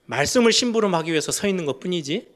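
A middle-aged man preaching a sermon as pastor, animated, often voicing questions in a raised voice. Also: high-pitched, quick pace.

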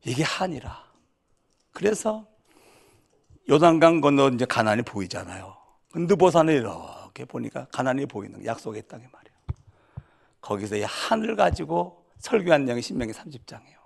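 A man preaching a sermon with a rough, gravelly edge to his voice. His pitch leaps and dips as he turns to his listeners with rhetorical questions and acts out quoted lines with dramatic force. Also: big pitch swings, moderate pace. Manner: acts out quoted voices with sudden loud outbursts. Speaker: pastor.

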